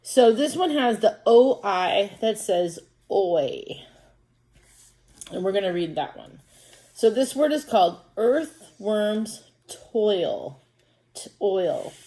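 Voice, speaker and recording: A woman's voice: fairly low pitch, mellow. A woman teacher giving a reading lesson to first graders, patiently sounding out words and syllables. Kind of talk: reading lesson for young children.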